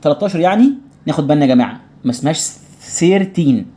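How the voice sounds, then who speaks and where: A man with an Egyptian Arabic accent teaching English to young children in an online lesson. He says each word slowly, repeats it for drilling, and keeps checking that the class follows. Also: fairly high pitch, expressive, warm tone. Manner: patient, explanatory, often asks tamam? to check understanding.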